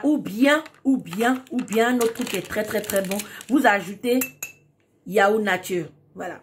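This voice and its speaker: A woman's voice: medium pitch, a little hiss or hum. A woman hosting a casual beauty tutorial, talking emphatically and repeating key words for stress. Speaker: beauty tips host.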